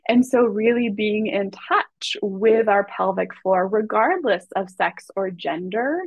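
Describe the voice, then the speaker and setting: Slow thoughtful woman guest, calm and measured, dry close sound. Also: medium pitch, husky, dry recording. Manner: measured and reflective, with many soft fillers. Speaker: guest, body and sexuality educator. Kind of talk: podcast conversation.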